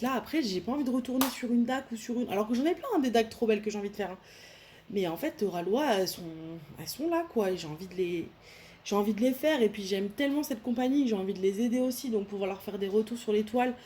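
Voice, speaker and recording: A woman's voice: medium pitch, animated, fast talker, mellow, slight background noise. A young French woman chatting casually to camera while unboxing a craft kit, rambling and restarting her sentences as she thinks aloud. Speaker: diamond painting vlogger.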